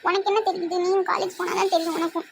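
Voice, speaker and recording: Woman voicing a scared first-year college girl, squeaky high, whiny worried talk. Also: flat delivery, rapid-fire, gravelly, heavy background noise. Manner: anxious, complaining. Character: timid young female college freshman.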